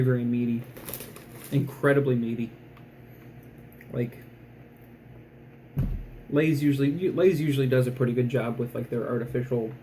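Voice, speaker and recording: A man giving a casual food review in a low-key, rambling, dryly joking way. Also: mellow, slight background noise, poor audio. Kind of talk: casual product review vlog.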